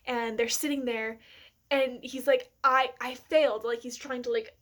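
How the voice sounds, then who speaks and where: A woman with a slightly raised voice vlogging in a loose, casual chat. She rambles along excitedly, full of fillers and little giggles. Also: fairly high pitch, normal speed.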